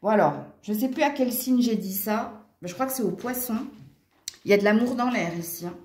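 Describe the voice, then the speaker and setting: A woman's voice: a little high, lively intonation, a little fast, a little mellow. Chatty French woman reading cards, roomy sound. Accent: Franche-Comté French. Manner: chatty, exclaims often, many hein tags. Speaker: tarot and astrology reader. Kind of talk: casual card reading for viewers. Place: at home near a window. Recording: roomy echo.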